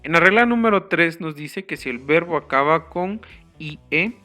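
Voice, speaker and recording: A man explaining grammar rules step by step in a slow, careful teaching manner. His voice is bright and a bit high for a man, and soft guitar music plays in the background. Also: animated. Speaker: English teacher. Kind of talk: grammar lesson.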